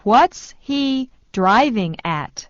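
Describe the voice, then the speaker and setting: A woman slowly and deliberately repeating short phrases for learners in a language lesson. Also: on the high side, lively intonation, no room sound. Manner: very slow, deliberate delivery. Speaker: phrase reader. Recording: dull lo-fi dry sound.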